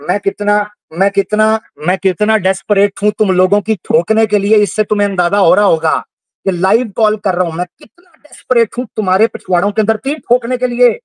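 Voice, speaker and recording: Guy with a high voice streaming live, taunting and aggressive, repeats himself a lot, dry close sound. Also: fairly quick, dry recording. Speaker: livestream debate host. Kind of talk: heated live call-out on stream.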